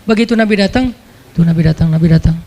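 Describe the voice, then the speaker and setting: A man from Indonesia preaching in a relaxed, playful storytelling way, laughing now and then. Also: fairly high pitch, quick pace. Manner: chatty, playful, laughs often. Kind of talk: casual storytelling sermon.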